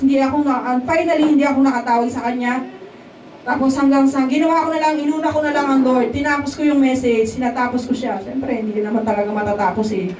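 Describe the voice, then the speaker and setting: A woman's voice: high-pitched, darkish tone. A woman from the Philippines giving a testimony at a church service in a casual, conversational way, often asking the congregation to agree. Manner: keeps checking in with the congregation. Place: church hall at a worship service. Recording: echoey hall, voice picked up from a distance, faint background noise.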